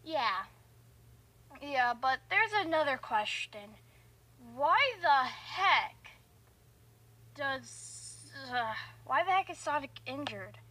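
A woman's voice: high voice, expressive, slow pace, pauses often, sharp tone, slight background noise, full character voice. A young woman voicing a chirpy kangaroo character who hosts a fan video. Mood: chatty. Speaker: reaction video host character.

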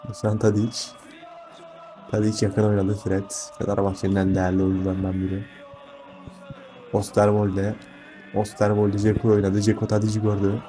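A man's voice: fairly low pitch, flat delivery, normal speed, long pauses, mellow. A man hosting live football commentary, often repeating players' names and short phrases. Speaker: football commentator and channel host. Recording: music and crowd behind the voice.

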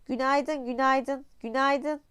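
A woman voicing a mountain echo that repeats words slowly and drawn-out. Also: high voice, fairly even intonation, fairly bright tone, clean tone. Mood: hollow. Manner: slow, drawn-out repetition.

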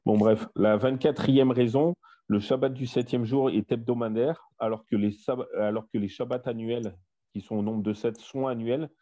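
A man's voice: mid-range voice, steady tone, moderate pace, warm tone, dry recording. A man leading a casual Bible study discussion over an online voice chat, talkative and repeating himself with many fillers.

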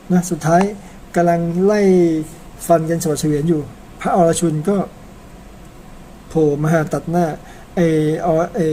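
Guy from thailand retelling an epic, chill and chatty, lots of polite little tags, low mellow voice. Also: slight background noise. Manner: chatty, tags sentences with polite particles, personal asides. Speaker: storyteller. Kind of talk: casual storytelling narration.

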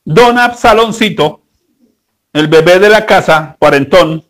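A pastor with a high-pitched man's voice preaches with lively energy. He keeps firing rhetorical questions at the congregation and mocks the characters in his stories, speeding up and slowing down as he drives each point home. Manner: animated, rhetorical questions, sudden shifts in pace; mocking, acts out the people in his stories. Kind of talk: sermon.

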